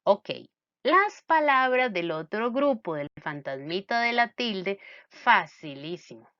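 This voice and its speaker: A woman teaches a grammar lesson with a lively, sing-song delivery, her pitch rising and falling a lot. She keeps the students involved with playful questions. The recording sounds muffled and dry. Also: slow pace, dry recording.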